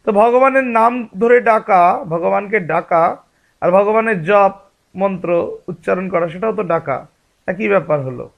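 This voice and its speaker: A man giving a spiritual discourse as a religious teacher, explaining patiently and asking rhetorical questions. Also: high voice.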